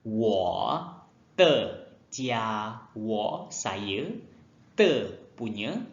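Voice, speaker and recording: A man teaching a Mandarin lesson online, speaking slowly and repeating each word twice for students to copy. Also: lowish voice, sing-song, roomy sound, muffled recording. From Malaysia. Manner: slow, drills pronunciation by repeating words twice.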